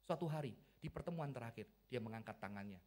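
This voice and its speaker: A middle-aged male pastor preaching a lively sermon, asking the congregation questions as he goes. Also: medium pitch, fast talker. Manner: lively preaching, asks the congregation questions, mixes in English phrases.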